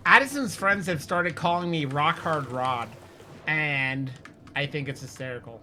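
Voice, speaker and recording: A woman's voice: low voice, a little slow, bright, forceful tone, soft background music. A woman hosting a let's play with casual, playful, teasing commentary.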